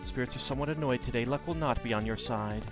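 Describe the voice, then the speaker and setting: Man as a video game fortune teller, spirit-channeling TV oracle, showy patter, quick delivery, music behind. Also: mid-range voice, natural voice. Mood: theatrical forecast. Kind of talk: reading game dialogue aloud.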